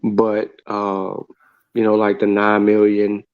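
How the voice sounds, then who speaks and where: An American man in an informal live debate, speaking in a halting, dismissive and taunting way. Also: on the low side, monotone, clear, resonant tone. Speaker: debate panelist. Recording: dull lo-fi online audio.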